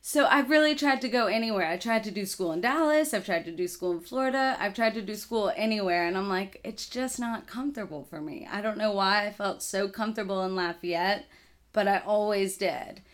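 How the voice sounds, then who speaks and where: A woman's voice: mid-range voice, fairly quick. A young woman in her twenties from Texas, a guest in a casual interview, telling her family story in a rambling, chatty way.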